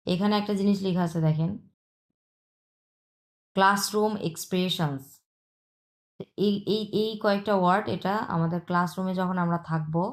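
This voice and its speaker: Patient woman teaching with a Bangladeshi accent. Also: fairly low pitch. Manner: patient, repeats points, models tones slowly. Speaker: Chinese language teacher. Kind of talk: explanatory lesson.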